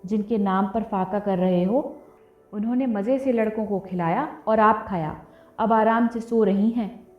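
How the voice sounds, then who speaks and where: A woman voicing a sharp-tongued young village wife who taunts with sarcasm. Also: medium pitch, measured pace, close to an everyday voice. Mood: taunting. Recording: tinny phone-like audio, roomy, faint music.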